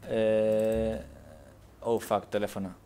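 A man's voice: lowish voice, level tone, extremely slow, warm tone, a little hiss or hum. A young man, streaming a game, reading the game's text aloud and reacting with casual, sarcastic, swearing asides.

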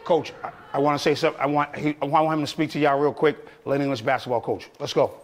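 A man's voice: a little high, level tone, quick pace. A middle-aged man, a youth basketball coach, giving an earnest, encouraging halftime pep speech and repeating phrases. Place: concrete-walled indoor hallway at a gym. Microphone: camera a few feet away.

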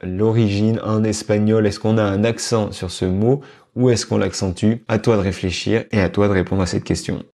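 A man teaching an online Spanish lesson, explaining patiently and repeating each word slowly. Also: on the low side, steady tone, mellow.

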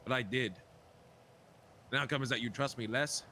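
A man's voice: medium pitch, moderate pace, sharp tone, slight background noise. A man in improvised game role-play, arguing in an aggrieved, sweary way as he defends himself. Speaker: role-play gamer playing a biker club member.

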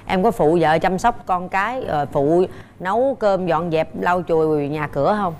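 A woman's voice: lowish voice, moderate pace. Blunt teasing woman. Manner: blunt, probing, laughs loudly. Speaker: co-host of a dating show. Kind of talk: teasing casual chat.

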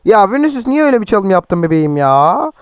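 A young man with a sore, cracking throat, chattily commenting on his own football game and yelling at his players. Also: high-pitched, very animated, fast talker, clear, resonant tone, no room sound. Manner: chatty, teasing, shouts at players. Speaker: mobile football gameplay streamer. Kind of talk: excited gameplay commentary.

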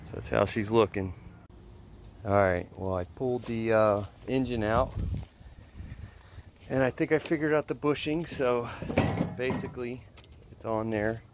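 Unhurried and given to long pauses, a medium-pitched man explains a hands-on pressure washing build step by step in informal language. He's filmed outdoors on a concrete patio with a handheld phone from behind the camera, and the recording is very noisy.

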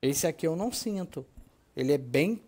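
High-pitched Brazilian man chatting casually. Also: animated, normal speed, warm tone. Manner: informal, slangy. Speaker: gaming streamer. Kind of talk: casual chat while gaming. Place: indoor room at home.

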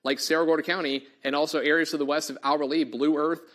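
A TV meteorologist who is losing his voice delivers urgent live severe weather coverage from a studio in front of a weather wall, wearing a lapel mic. His voice runs on the high side, fast and a bit bright with little pitch movement, repetitive and crammed with fillers.

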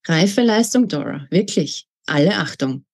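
A woman's voice: on the low side, lively intonation, unhurried, darkish tone, breathy edge, exaggerated voice. A woman voicing a spiteful, scornful young woman in a read-aloud novel, talking in a mocking, sneering way.

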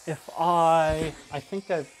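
A tech video creator demonstrates a device in a casual, off-the-cuff way, rambling a bit and trailing off mid-thought. His somewhat high voice is slow and steady, and the poor audio carries slight background noise.

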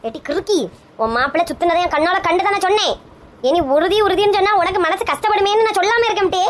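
Woman playing a bossy elder sister, kanyakumari tamil accent, very high voice, rapid scolding, comedy skit. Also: crowd noise. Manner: scolding, hushed and urgent.

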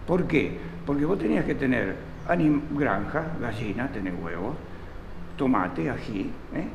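An older man from Italy telling local history in an interview, animated and speaking directly to the listener, filmed close in a small indoor room. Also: mid-range voice, a little slow, vocal fry, muffled recording. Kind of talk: storytelling interview. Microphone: camera close in front. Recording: echoey room with faint noise.

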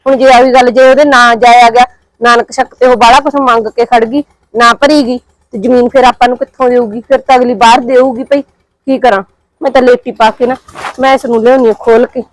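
A woman's voice: fairly high pitch, little pitch movement, fairly quick, dry recording, natural voice, rough recording. A woman playing an anxious young housewife with a Punjabi accent, muttering her worries to herself. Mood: worried. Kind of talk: drama monologue.

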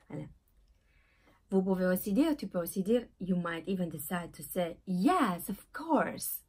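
A woman teaching English pronunciation in French, checking in with "ok?" and "voilà", and slowing down to model English phrases. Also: fairly low pitch, a little mellow, breathy edge. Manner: switches between French explanation and English examples, frequent "ok?" and "voilà"; slow, drawn-out model pronunciations. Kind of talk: language lesson.

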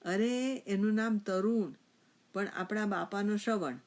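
A sharp-tongued, sulky young wife in a storybook tale, as the woman narrator puts her on. She answers in pert, teasing retorts, close to the narrator's own voice but a little raised. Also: medium pitch, measured pace, voice pushed up, close to an everyday voice.

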